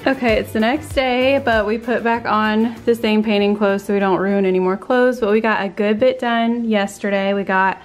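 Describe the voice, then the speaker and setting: A woman's voice: mid-range voice, steady tone, normal speed, hardly any pauses, faint music behind. A woman, chatting casually about a home project in a bedroom. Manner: chatty, upbeat, uses y'all. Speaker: home vlogger. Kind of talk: casual chat. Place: bedroom being painted, indoors.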